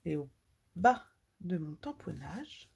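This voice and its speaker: Woman papercraft demonstrator, low gravelly voice, lively pitch, chatty live tutorial. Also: slow, slight background noise. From France. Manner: chatty, talks while working with hands.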